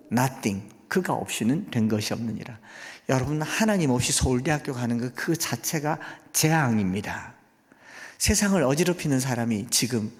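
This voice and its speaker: A man preaching to his congregation with a fairly high voice. He drives his points home with rhetorical questions. A long hall reverb carries his words through the church. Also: darkish tone. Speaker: guest pastor. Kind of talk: sermon. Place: church sanctuary.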